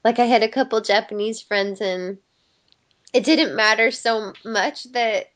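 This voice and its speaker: A voice actress appears as a guest in a casual interview, chatting in a thoughtful, friendly way and laughing often. Her voice is slightly high and fairly bright, and she speaks a little slowly.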